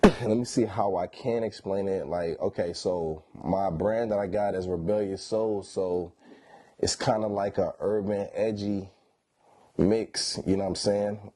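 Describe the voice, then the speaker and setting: High on weed, a thirty-year-old R&B singer drawls through a casual interview in stoned, laid-back slang, frequently dropping "you know what I'm saying." His voice sits fairly low, with a steady, dark tone and a measured pace.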